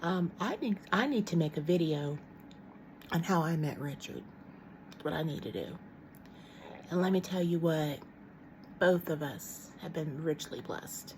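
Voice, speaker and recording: Rambling middle-aged woman with a mellow low voice. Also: expressive, a little slow, long pauses, slight background noise. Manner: rambling and frank, many ums and restarts. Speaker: vlogger. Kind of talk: casual chat to camera.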